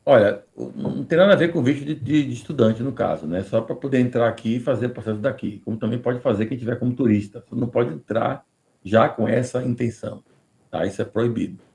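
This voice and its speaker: A man with a Brazilian Portuguese accent answering immigration questions on a live podcast, measured and deliberate, often restarting words. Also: medium pitch, vocal fry, darkish tone.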